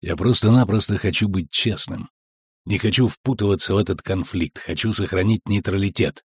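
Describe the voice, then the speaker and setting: Man reading a calm stern witcher guy, low-key husky voice, dry. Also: moderate pace, no room sound. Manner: quiet, level, restrained. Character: calm stern male monster hunter.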